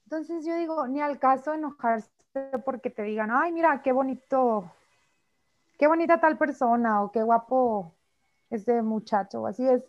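High-voiced Mexican woman chatting casually. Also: moderate pace. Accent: Mexican Spanish. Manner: chatty, frequent fillers, mimics quoted speech. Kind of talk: casual chat. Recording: slightly dull lo-fi audio.

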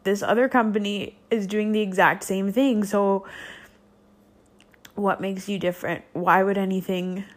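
A woman's voice: medium pitch, steady tone, measured pace. A woman hosting a solo podcast, talking casually and candidly, full of self-doubt and fillers like "like.". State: emotional, close to tears at times. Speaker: podcast host.

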